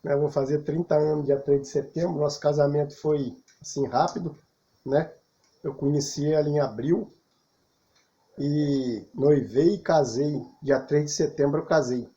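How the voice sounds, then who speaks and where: A man's voice: on the high side, a little slow, dull audio. A man in his fifties with a Brazilian Portuguese accent, casually telling a personal story and chuckling often. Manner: chuckling often, relaxed and talkative.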